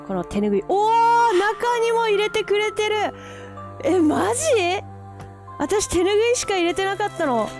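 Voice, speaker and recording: A woman vlogging in a casual, chatty way, gushing and quick to laugh as she unboxes gear. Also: a little high. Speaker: camera vlogger. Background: background music.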